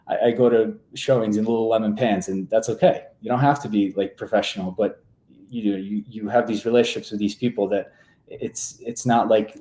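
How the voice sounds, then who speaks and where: Dark-voiced man in his twenties from Serbia. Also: on the low side, roomy sound. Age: 20s. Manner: relaxed, easygoing, with frequent fillers and restarts. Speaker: guest real estate agent. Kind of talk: casual interview talk.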